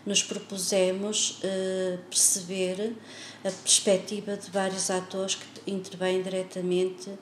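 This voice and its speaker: A woman's voice: mid-range voice, monotone, slow, slight background noise. A woman researcher, speaking formally with many fillers. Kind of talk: explanatory interview. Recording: echoey room.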